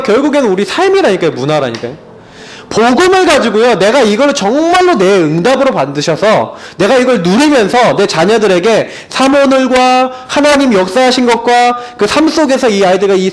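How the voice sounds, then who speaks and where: A middle-aged male pastor preaching a sermon in a conversational way, telling family stories and asking rhetorical questions. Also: extremely high pitch.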